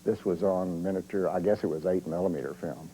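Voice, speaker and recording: A man with a very deep, dark voice recalls the past in a documentary interview. He is plain and matter-of-fact. A faint hiss sits behind him. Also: fairly even intonation, a little fast, low-quality recording. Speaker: former TV staffer.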